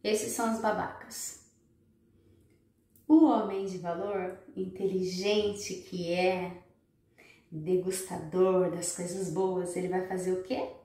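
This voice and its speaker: A woman's voice: lowish voice, steady tone, takes it slowly, warm tone. A woman giving emphatic, repetitive relationship advice straight to her viewers. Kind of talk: motivational advice talk to viewers. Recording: very echoey room, far from the mic.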